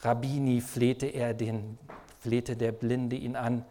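A man's voice: medium pitch, little pitch movement, slow pace, warm tone, a little hiss or hum. A man preaching a sermon, speaking emphatically and asking the listeners repeated rhetorical questions.

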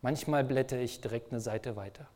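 A man's voice: medium pitch, fairly quick, a little mellow. A man preaching a sermon, speaking emphatically and asking the listeners repeated rhetorical questions.

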